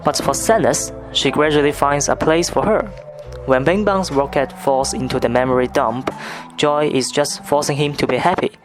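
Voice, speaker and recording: A narrator reading a scripted film review as a video essay, in measured, non-native English phrasing. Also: mid-range voice. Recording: narration over clear background music.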